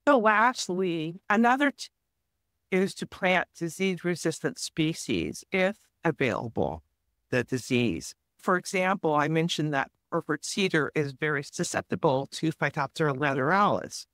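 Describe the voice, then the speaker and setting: A woman guest on a podcast interview, calmly explaining forest disease prevention in a measured, advice-giving way. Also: low voice, dry recording, studio quality. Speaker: forest health guest expert.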